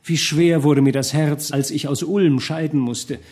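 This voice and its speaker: A heartfelt young noblewoman in a storybook, loving and quick to feel wounded, as a male reader puts her on. Her voice rises high and pleading above his usual register, full of urgent feeling. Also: steady tone, darkish tone, lightly acted. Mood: anxious, pleading. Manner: raised, pleading emotional voice. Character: young noblewoman, loving, hurt, easily tearful. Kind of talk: audiobook character voice.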